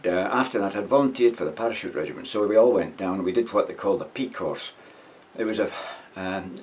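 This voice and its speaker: A man's voice: sits low, slight background noise. A man in his eighties recalling his army days in a casual, wry, rambling way, chuckling now and then. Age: 80s. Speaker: veteran recounting memories. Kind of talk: casual spoken reminiscence.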